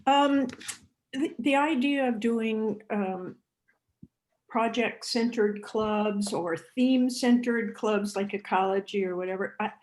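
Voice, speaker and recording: An older woman on a video call, speaking hesitantly with halting starts. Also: a little high, darkish tone. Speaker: club member. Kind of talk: casual remarks on a video call.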